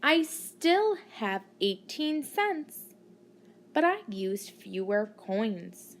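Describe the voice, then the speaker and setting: A woman teacher narrating a maths lesson for children, deliberately teaching a child to count and putting questions to the listener. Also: a little high, very animated, slight background noise. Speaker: primary school maths teacher.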